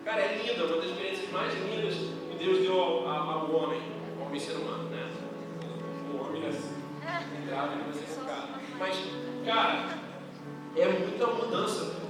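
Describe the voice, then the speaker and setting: A young Brazilian man preaching a youth service sermon in slangy, casual speech that builds to loud, impassioned delivery. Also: high voice, moderate pace. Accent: Brazilian Portuguese. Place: church hall. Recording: roomy church hall from far off, music behind.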